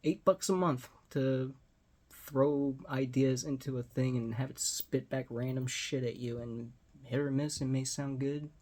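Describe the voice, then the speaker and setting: Unhurried and fairly even in intonation, a Texan vlogger in his forties speaks in a darkish, mid-range voice. He's in a small home room talking casually to a close phone or webcam, rambling, self-deprecating, and sometimes nearly whispering.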